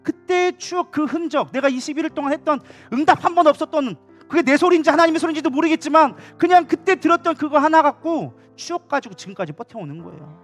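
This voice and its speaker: During an evening service in a church sanctuary, faint instrumental music underscores a high-voiced pastor who preaches fast and with passion. He is expressive and speaks to the congregation in a conversational manner.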